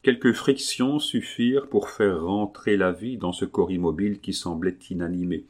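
A man narrating a classic novel aloud in a steady, expressive reading. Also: sits low, moderate pace. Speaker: audiobook narrator. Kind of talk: literary audiobook narration.

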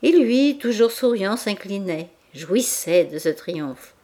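A woman narrating a classic novel as an audiobook in a measured, even literary reading. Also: mid-range voice. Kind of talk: scripted narration.

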